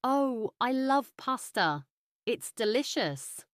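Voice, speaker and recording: Woman playing a friendly young british office girl, slow and clear, sing-songy. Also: on the high side, sing-song, no echo, studio quality. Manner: slow, carefully pronounced, friendly. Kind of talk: scripted practice dialogue.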